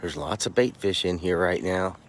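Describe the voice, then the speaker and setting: A man with a fairly low voice hosts a casual outdoor morning report. He talks politely and encouragingly, as if out for a stroll with viewers. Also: moderate pace, slight background noise. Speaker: host of a morning beach report. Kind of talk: casual vlog narration and chat. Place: outdoors on a beach.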